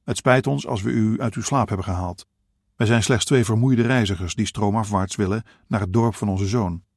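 A tired old husband in a storybook reading, courteous and gently reassuring, as a male narrator plays him. His voice sits low and sounds dry and close. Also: moderate pace, no room sound. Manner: polite, soothing.

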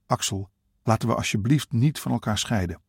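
A man voicing a frail elderly wife who softly pleads not to be separated from her husband. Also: mid-range voice, a little fast, vocal fry, breathy edge, no room sound, studio quality. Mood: anxious. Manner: pleading, soft.

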